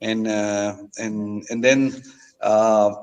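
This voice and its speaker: Earnest man, halting speech. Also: fairly low pitch, level tone, lo-fi sound. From Mexico. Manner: halting, earnest, repeats words often. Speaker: guest. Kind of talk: casual storytelling.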